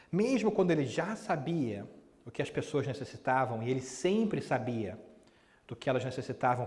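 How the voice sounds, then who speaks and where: A man's voice: mid-range voice, a little mellow. A middle-aged man giving a conversational talk, often asking the audience questions and acting out short dialogues. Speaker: Spiritist speaker. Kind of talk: live lecture. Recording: long hall reverb.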